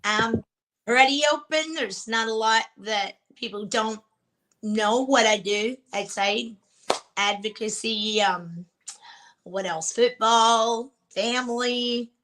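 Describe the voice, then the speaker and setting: A woman's voice: fairly high pitch, slow pace, a bit bright, low-quality recording. A woman from Scotland on a panel, speaking sincerely in casual chat.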